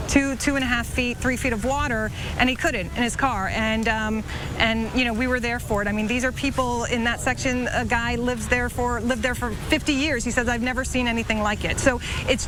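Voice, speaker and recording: A woman field reporter giving an unscripted live news report, emphatic and halting, repeating words for stress. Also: on the high side. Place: outdoors in a flooded neighborhood. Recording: noisy outdoor live field report, vehicle noise.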